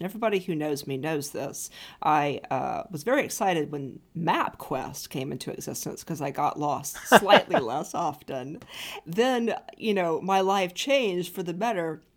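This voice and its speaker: Woman author, teasing, laughing, wide-ranging pitch, casual podcast.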